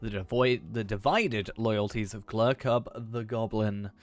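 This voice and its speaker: A man's voice: lowish voice, unhurried. A man streaming a game, chatting casually and reading quest text aloud. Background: game music.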